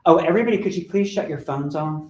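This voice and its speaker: A man's voice: on the high side, fast talker, slight background noise. A male-voiced poet giving a candid, chatty talk and reading poetry aloud to an audience in a lecture room. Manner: candid, blunt, chatty with asides. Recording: roomy echo from a lecture hall.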